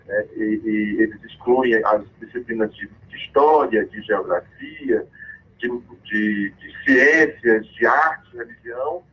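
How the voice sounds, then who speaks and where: Husky caller on a crackly phone line. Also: male voice, mid-range voice. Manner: emphatic, accusatory, defiant. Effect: crackly, cutting-out phone line. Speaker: caller to a radio show. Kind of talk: impassioned phone-in denunciation. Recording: muffled, lo-fi phone line into a radio studio.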